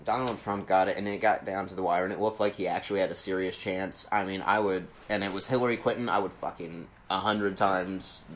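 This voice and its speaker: A man's voice: sits low, steady tone, brisk, few pauses, a little hiss or hum. A man in casual political chat, rambling with many fillers and swearing bluntly. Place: cold unheated studio.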